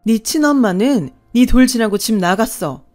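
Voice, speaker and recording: A woman voicing a harsh stepmother who coldly scolds and shouts. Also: a little high, big pitch swings, moderate pace, faint music behind. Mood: cold, yelling. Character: harsh stepmother, cold and angry.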